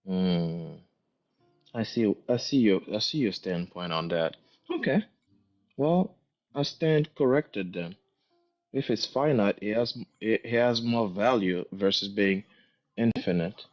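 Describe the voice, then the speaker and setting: Speaking slowly in a lowish voice, this guest with a heavy foreign accent fields questions casually, hesitating and circling back over his own phrases as he thinks aloud. Music plays under the dull, lo-fi recording.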